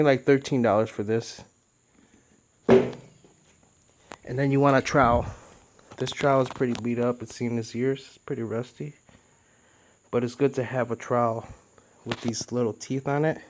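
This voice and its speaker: A man's voice: medium pitch, normal speed, pauses often, a little hiss or hum. Casual male DIY vlogger, mid-range voice, chatty how-to delivery, crickets faintly behind. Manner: relaxed, chatty, step-by-step explaining with fillers. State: a little out of breath. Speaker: DIY boat builder.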